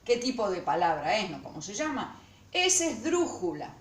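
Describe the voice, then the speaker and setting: Emphatic woman teacher, lively pitch. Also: echoey room. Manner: slow, emphatic, repeats words syllable by syllable. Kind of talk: recorded lesson for students.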